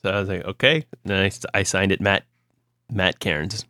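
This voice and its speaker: A man's voice: low-pitched, little pitch movement, brisk, sharp tone, no echo, studio quality. A young man from Ohio co-hosting a podcast, telling stories in a casual, rambling way with lots of fillers and restarts. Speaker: podcast co-host. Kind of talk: casual chat.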